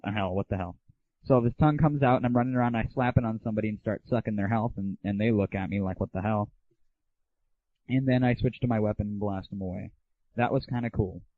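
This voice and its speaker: A man with a lowish voice talks fast, hosting a gaming audio show with casual, slangy, opinionated and irreverent reviews in a solo rant. The audio is narrow and phone-like, typical of 1990s internet sound, with no room sound.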